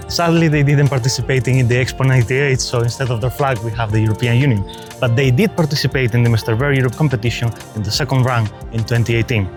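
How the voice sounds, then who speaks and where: Man, presenter, mid-range voice, chatty, music underneath. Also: medium pitch. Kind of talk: video presentation.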